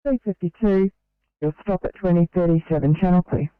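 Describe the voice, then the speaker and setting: A woman's voice: fairly low pitch, brisk, smooth, dry recording. A woman working as an emergency dispatcher, speaking in clipped radio procedure over a walkie-talkie. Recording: narrow, tinny two-way radio transmission.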